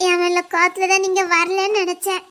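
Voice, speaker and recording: A young woman playing a high, bright, tearful sweetheart. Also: monotone, a little fast. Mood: tender. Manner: tearful, sulky pleading. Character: young village woman, sulky and tender sweetheart. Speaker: actor. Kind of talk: web series drama acting.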